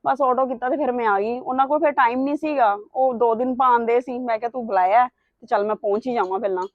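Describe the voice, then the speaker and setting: A woman's voice: a little high, fast talker, no echo, lightly acted. A middle-aged woman acting a mother who defends herself to her son-in-law in a family drama. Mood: defensive. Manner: defensive, pleading. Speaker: wife's mother. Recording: dull dry sound.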